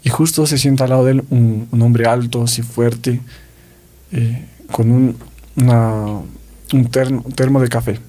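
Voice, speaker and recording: A man co-hosting a religious podcast, retelling a saint's story in a casual, animated way with quoted voices and many fillers. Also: mid-range voice, unhurried. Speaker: podcast co-host.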